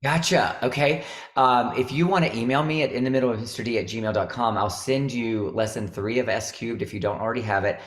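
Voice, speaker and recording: A man's voice: mid-range voice, brisk, roomy sound. A man in his fifties, a veteran music teacher hosting a video call, talking in a rambling, chatty way full of fillers. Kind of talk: casual video-call chat.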